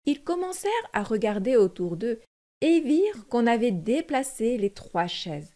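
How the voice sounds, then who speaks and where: A woman reading a children's fairy tale aloud in a clear, unhurried read-aloud manner. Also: on the high side, sing-song, dark tone. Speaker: narrator.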